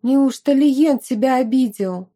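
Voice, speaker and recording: A woman reading an audiobook puts on an outspoken young woman, a protective friend who talks emphatically and won't stop, pitched a bit higher than the narration. The tone is mellow and warm, and the delivery is lively and talkative. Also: a little slow. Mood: anxious. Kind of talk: audiobook character voice.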